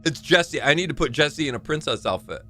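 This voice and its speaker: A man's voice: fairly high pitch, lively intonation, fast, sharp tone, soft background music. A man live-streaming a game with casual, playful commentary, reacting openly to what happens.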